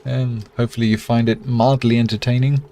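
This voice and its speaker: In this live gameplay commentary, a middle-aged South African streamer talks fairly quickly in a mid-range voice over a noisy background. Relaxed and chatty, he addresses his chat and thinks aloud while constructing his colony.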